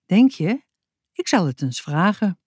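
A storyteller voicing a calm, friendly and very strong father who stays unbothered, in a read-aloud children's story. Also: mid-range voice, measured pace, breathy edge, no room sound, clean studio sound.

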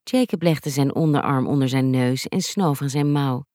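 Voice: mid-range voice, normal speed, a little mellow, no echo. Dry, close audiobook narrator. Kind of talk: scripted narration.

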